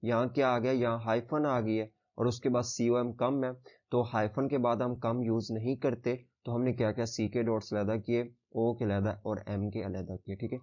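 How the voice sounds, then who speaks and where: A man's voice: mid-range voice, level tone, moderate pace, darkish tone. A male braille teacher explaining rules step by step, patiently checking understanding as he goes. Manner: patient, repeats "theek hai" and "okay" to check understanding. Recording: slightly dull lo-fi sound.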